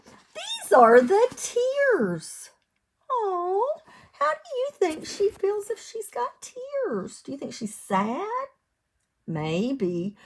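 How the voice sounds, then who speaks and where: In a very high voice and at a very slow pace, a woman from the United States, once a West Virginia resident, reads a picture book aloud to little ones like a teacher. She lilts expressively and poses questions to her listeners.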